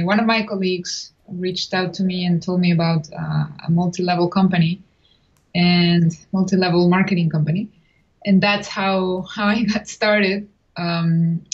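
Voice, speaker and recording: A chatty woman from Chile, whose first language is Spanish, appears as a guest in a casual interview. Her voice is lowish, and she often restarts and gives small laughs. The sound is lo-fi.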